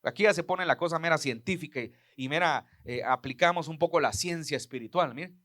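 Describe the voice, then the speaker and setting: Male pastor, high voice, emphatic sermon delivery, dry close recording. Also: brisk, a bit bright, no echo. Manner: emphatic preaching, frequent "hermano" and "¿sí?" asides.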